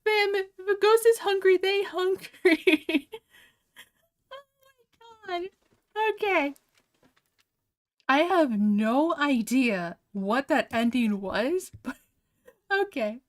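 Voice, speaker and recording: A woman's voice: high-pitched, expressive, slow, pauses often. A young woman streaming while she draws. She chats casually, often saying "like", and keeps breaking into giggles as she reacts in disbelief. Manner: giggly, laughs often, heavy use of "like". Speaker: art streamer. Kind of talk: casual livestream chat while drawing.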